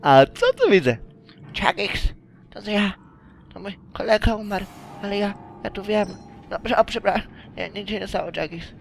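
A man's voice: high-pitched, lively intonation, normal speed, vocal fry, slight background noise. A young man commentating a horror game, joking around and shrieking and pleading when scared. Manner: jokey, easily startled, shrieks and pleads. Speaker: gaming YouTuber.

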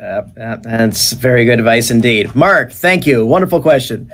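A man's voice: mid-range voice, normal speed, a bit bright. A man hosting an online Q&A panel, upbeat, reading fan questions aloud with brief affirmations. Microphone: video call.

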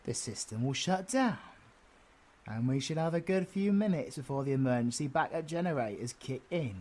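In an audio roleplay, an actor plays a cheeky, foul-mouthed British supervillain rogue, slangy and excitable in banter, using a mid-range voice close to his everyday one.

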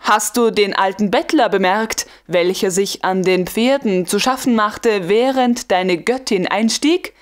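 A woman reading the lines of a smug, carefree young male guard lieutenant in an audiobook, calm and teasing. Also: high voice, measured pace, few pauses. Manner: calm, self-satisfied, teasing. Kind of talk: audiobook dialogue.

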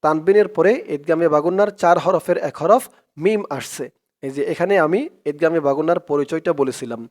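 Male Quran tutor with a Bangladeshi Bengali accent and a high voice, recites and then explains step by step. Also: a little mellow. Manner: recites verse words aloud, then explains the rules slowly and repeats them. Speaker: Quran reading teacher.

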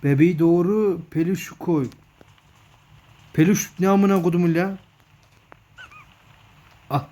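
A man playing a horror game and commenting, swearing a lot, exasperated, sometimes turning to slow mock storytelling. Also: high voice, mellow. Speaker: gamer. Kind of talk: comedic horror gameplay commentary.

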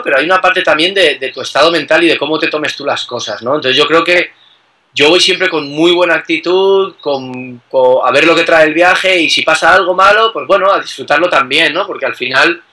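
A man talks in a casual, unhurried way. His voice sits a little high and sounds bright. He fills his sentences with small tag questions. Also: low-quality recording. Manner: relaxed, many fillers and tag questions. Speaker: guest travel blogger. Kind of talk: casual conversation.

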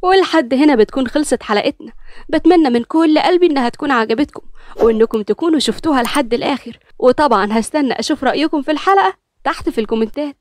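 A woman's voice: high-pitched, expressive, racing, darkish tone, no room sound, clean studio sound. A woman with an Egyptian accent narrating a serialized drama story. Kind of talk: scripted narration.

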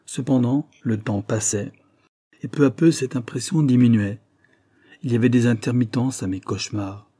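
A tormented young man pours out his confession in an audiobook, as a male reader puts him on. The voice is mellow and husky, recorded dry and close, and it climbs to desperate, louder peaks. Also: medium pitch, moderate pace, no room sound, lightly acted. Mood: anguished. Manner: tormented, rising to desperate outbursts. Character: anguished guilt-ridden young man confessing. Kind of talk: audiobook reading.

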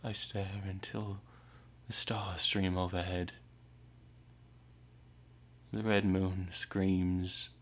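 A man acts out a ragged, mad prophet in a dramatic monologue. The voice sits fairly low and moves very slowly, brooding and anguished. It shifts between hushed, breathy whispering and ringing, theatrical cries. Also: level tone, slight background noise. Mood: tormented, brooding. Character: mad, anguished Merlin, a ragged wild prophet living as an outcast.

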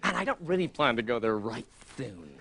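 A prissy, oblivious celebrity interviewer, gushing in a bright, sharp voice that swoops wildly from low murmurs to shrill squeals. A fussy, pompous middle-aged host on a TV talk show set. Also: male voice, very animated, brisk, vocal fry. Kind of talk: improvised comic interview.

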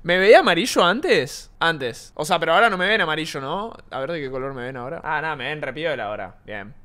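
A man's voice: on the high side, animated, fast talker, pushed and bright. A young man with a Rioplatense accent giving casual, loose streamer reaction commentary, swearing freely. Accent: Rioplatense Spanish. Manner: loose, chatty, swears a lot.

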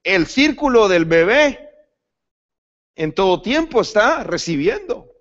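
Animated preaching man, lo-fi recording. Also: slow. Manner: preaching, addresses the congregation as brother; lively pitch swings, rising to sudden emphatic peaks. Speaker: pastor. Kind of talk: sermon. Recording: dull lo-fi church recording.

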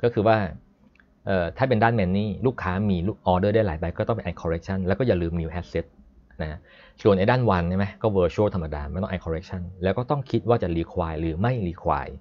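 Low-voiced guy teaching code on a stream, chatty, reads code out slow, kinda muffled lo-fi audio. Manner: chatty and explanatory, stops to read code aloud slowly. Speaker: programming instructor. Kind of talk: live-streamed coding lesson.

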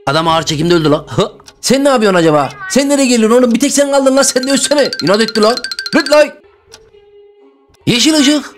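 A man playing a comic grumbling character over Roblox gameplay, excitable and often shouting. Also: extremely high pitch, fast talker, over music. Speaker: gaming YouTuber.

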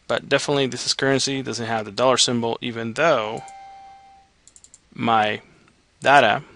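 A male instructor talks through a screencast tutorial step by step. His voice is mid-pitched and bright, with noticeable vocal fry. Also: dry recording. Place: voice-over on a screen recording.

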